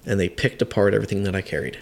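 A man's voice: fairly low pitch, animated, racing, creaky. A man in his fifties, a veteran firefighter, telling a long story in a podcast chat, rambling with hesitant restarts. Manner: rambling, hesitant, many restarts, acts out quotes. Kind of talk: conversational storytelling.

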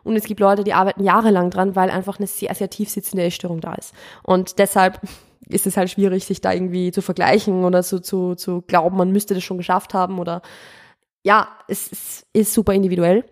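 A woman's voice: medium pitch, flat delivery, fairly quick. Chatty young woman. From Austria. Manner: chatty, rambling, self-correcting, mixes in English words. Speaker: podcast host. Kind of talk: casual Q&A monologue.

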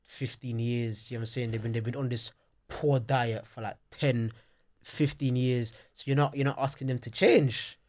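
A man's voice: medium pitch, fairly even intonation, normal speed, darkish tone. A man with a London roadman accent chatting casually on a podcast, slangy and often checking that he is understood. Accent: London, urban slang. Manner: slangy, repeats "you know what I'm saying".

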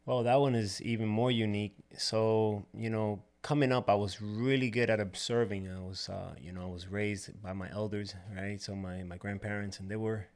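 A man's voice: on the low side, steady tone, moderate pace, hardly any pauses, darkish tone. A man from the Dominican Republic, a barber and shop owner, telling his story in an easygoing way, loose with you know and uh. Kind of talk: casual interview.

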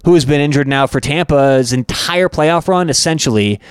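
A Canadian man talks hockey in an easygoing podcast chat, his voice smooth and resonant. The sound is close and dry, with no room around it. He gets animated and excitable when the game comes up. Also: on the high side, moderate pace, no room sound. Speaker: podcast co-host. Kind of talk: casual sports chat.

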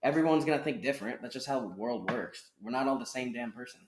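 A man's voice: mid-range voice, a little hiss or hum. A young man co-hosting a casual opinion chat, blunt and profane, often finishing his partner's sentences. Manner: blunt, fast, swears, finishes the other's sentences. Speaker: podcast co-host. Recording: echoey room.

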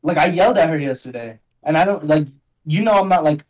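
A young man guesting on a casual podcast, his voice sitting a little high for a man. He rambles through his stories in loose slang, leaning constantly on "like" and "bro". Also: lively intonation, fast talker, poor audio. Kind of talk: casual chat.

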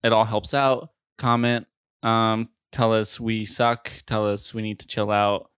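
A man's voice: on the low side, level tone, a little slow, fairly bright tone, clear, resonant tone, no room sound. A man hosting a podcast in a casual, chatty way, with popping p sounds on a close mic without a pop filter. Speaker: podcast co-host and editor. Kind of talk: casual podcast sign-off and banter.

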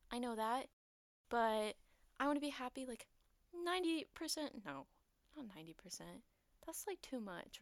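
A woman's voice: mid-range voice, fairly bright tone, no room sound. A young woman talking alone on her podcast, rambling with lots of fillers, her voice a little shaky and nervous. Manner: rambling, filler-heavy, self-deprecating. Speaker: podcast host. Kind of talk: casual solo podcast monologue.

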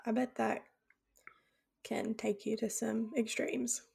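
Gravelly-voiced woman in casual chat. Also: on the high side, little pitch movement, slow, a little mellow. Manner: blunt, enthusiastic, swears casually.

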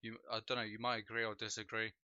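Fast and fairly low-pitched, this young Polish man's voice is clear and resonant as he chats loosely on his livestream; Polish is his first language. A streamer and podcast host, he rambles in a relaxed way, leaning on "like" and "bro." His home mic sounds dull and lo-fi, with no room sound.

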